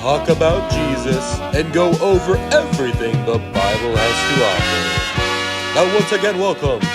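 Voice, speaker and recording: A woman's voice: a bass voice, lively intonation, normal speed. A woman announcing the opening of a church kids' show in a sing-song way. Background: swing music.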